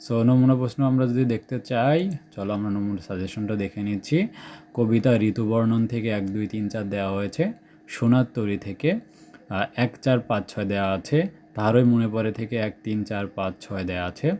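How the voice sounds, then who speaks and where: Brief: young male Bangladeshi Bengali tutor, low mellow tone, faint hum behind. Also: moderate pace. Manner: reels off numbered question lists, checks in with students often. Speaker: exam-prep teacher. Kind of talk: screen-share exam suggestion walkthrough.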